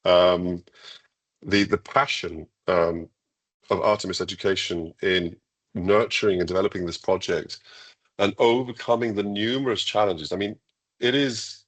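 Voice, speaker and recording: A man from Iceland, an international school leader, answering questions in a live interview, enthusiastic and measured, with frequent ums and restarts. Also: low-pitched, fairly even intonation, fairly bright tone.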